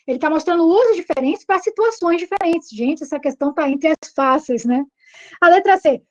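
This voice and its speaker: A woman's voice: high-pitched, darkish tone, highs cut off. A woman with a Brazilian Portuguese accent teaching an online exam-prep lecture, explaining step by step and checking in with tag questions.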